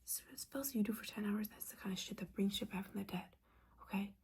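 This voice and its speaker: Playing a caring but disappointed and judgmental witch mentor, a woman whispers and murmurs through an ASMR roleplay, scolding with sassy, casual asides. Her mid-range voice is slightly rough, with a steady tone and a brisk delivery.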